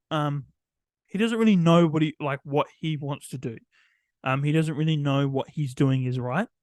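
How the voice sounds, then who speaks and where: A man's voice: on the high side, no room sound, studio quality. A man hosting a casual chat about comic books, talking hesitantly with many fillers and restarts. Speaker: host.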